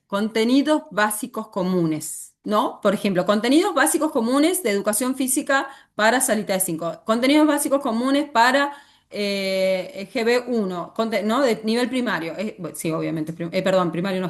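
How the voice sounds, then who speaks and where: A woman teacher with an Argentine accent, lecturing a class and often stopping to ask the students questions. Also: a little high. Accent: Argentine Spanish. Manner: asks the class frequent questions.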